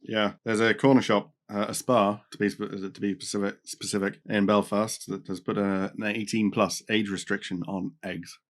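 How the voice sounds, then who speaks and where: A man with a fairly low voice reads news items aloud in a relaxed podcast chat. He stumbles often, filling gaps with ums and restarting his phrases. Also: moderate pace, few pauses. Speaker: podcast co-host reading news.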